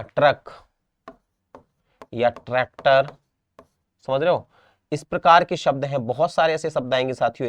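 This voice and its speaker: A young man from India with a Rajasthan Hindi accent, teaching an exam-prep class, repeating words and checking understanding. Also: mid-range voice. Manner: repetitive, drills each word, checks understanding.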